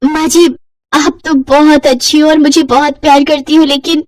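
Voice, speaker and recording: Woman doing a scared young bride, stammers and begs, high voice, a bit far off mic. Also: little pitch movement, moderate pace, a little mellow, dry recording, close to an everyday voice. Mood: tearful grateful. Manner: pleading, breathless, stammering. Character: young timid new bride, anxious and tearful.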